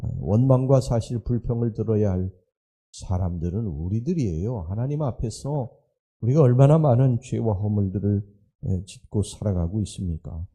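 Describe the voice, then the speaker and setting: Male pastor, dawn sermon, low and very dark husky voice, preaches through rhetorical questions. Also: moderate pace. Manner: rhetorical questions, earnest exhortation.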